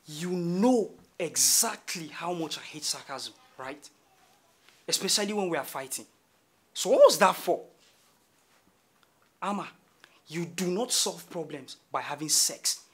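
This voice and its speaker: An exasperated boyfriend. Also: male voice, fairly high pitch, a bit bright, slightly rough, exaggerated voice. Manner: earnest, pleading, rising to exasperation. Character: frustrated young man who wants to talk things out. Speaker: live-in boyfriend. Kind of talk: short film drama.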